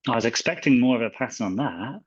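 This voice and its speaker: A man's voice: mid-range voice, lively intonation, fast, husky. Joking guy hosting a chat, kinda muffled lo-fi recording. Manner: playful, joking and laughing along. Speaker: host. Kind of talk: casual chat. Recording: dull lo-fi sound.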